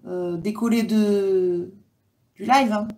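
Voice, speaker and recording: A French woman reads viewer comments during a relaxed livestream, wandering off on tangents with plenty of fillers. Her medium-pitched, darkish voice stays fairly even in intonation, and she speaks slowly.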